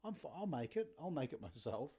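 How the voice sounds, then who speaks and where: A man's voice: fairly high pitch, very animated, a little fast, mellow, slightly rough, pitched above the performer's own voice. A man voicing his polite young friend, eagerly protesting that he will make his own sandwich. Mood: protesting politely.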